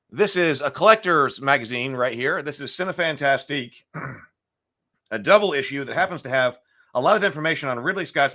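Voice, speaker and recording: This is a middle-aged man's relaxed morning live stream, where his gravelly voice is punctuated by frequent throat-clearing and fillers as he thinks aloud. His pitch is medium, and his sound is pushed and bright.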